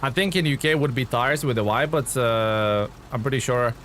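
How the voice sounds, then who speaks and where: A Lithuanian game streamer chats casually with his live-stream viewers and reads their comments, speaking at a middle pitch and moderate pace. Relaxed and rambling, he stops and restarts a lot and fills gaps with plenty of "uh"s. A faint hiss runs under the recording.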